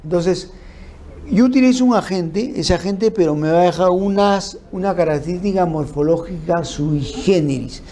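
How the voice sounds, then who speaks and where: A man giving an informal law lecture, explaining through lists and examples and checking in with his listeners with quick tag questions. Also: sits high, warm tone. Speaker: criminal law instructor. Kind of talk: informal lecture on forensic principles.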